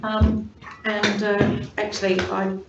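A woman's voice: mid-range voice, little pitch movement, vocal fry, over loud music. A woman speaking as a city councillor in a committee meeting, apologetic and hesitant. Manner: apologetic, hesitant, then hurried. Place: council chamber. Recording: echoey, dull room recording from a distance with noise.

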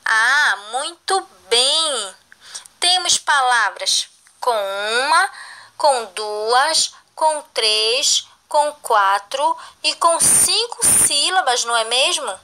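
A woman teaching a recorded lesson to young children, slow and cheerful, praising answers. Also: high-pitched, expressive, pushed and bright. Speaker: primary school teacher.

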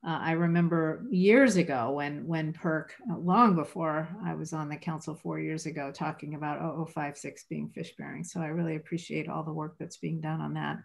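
A woman's voice: low voice, fairly even intonation, moderate pace, gravelly, few pauses. A woman city council member asking questions in a meeting over a video call, hesitant, with many fillers.

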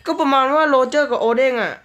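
A man chatting casually through mobile game news, joking around and reading out English slowly word by word. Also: extremely high pitch, steady tone, a bit bright, clear, resonant tone, muffled recording. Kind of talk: casual commentary.

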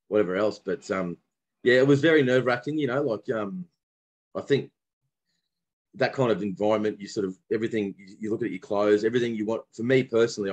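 A man's voice: on the low side, slightly rough. A young adult man from Brisbane with an Australian accent, chatting casually as a podcast guest and telling stories with friendly slang and plenty of restarts. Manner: relaxed storytelling with mateship slang and many restarts. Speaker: guest, former professional cricketer.

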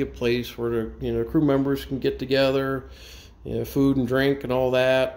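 A railroad volunteer with a mid-range, darkish voice gives a casual walkthrough of a renovation project inside a metal railroad caboose, thinking aloud haltingly while filming on a handheld camera he holds himself. The recording is clearly noisy, carrying ambient sound from inside the railcar.

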